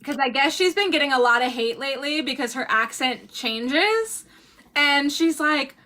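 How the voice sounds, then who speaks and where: A woman's voice: sits high, lively intonation, moderate pace, sharp tone, a little hiss or hum. A woman from Florida co-hosting an interview, bubbly and gushing as she asks questions. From Florida, USA. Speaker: podcast co-host. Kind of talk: casual interview chat.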